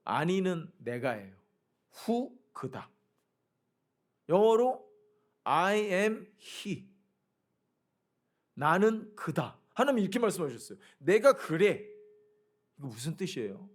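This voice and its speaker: Male pastor, high lively voice, emphatic sermon delivery. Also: slow pace, long pauses. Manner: emphatic, swings from loud proclamations to quiet asides; engages the congregation with questions.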